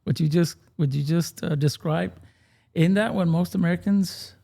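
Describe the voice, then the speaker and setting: A man's voice: a little high, normal speed, creaky, mellow. A man, a pastor hosting a show, interviewing a guest in an affirming, conversational way. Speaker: pastor and podcast host.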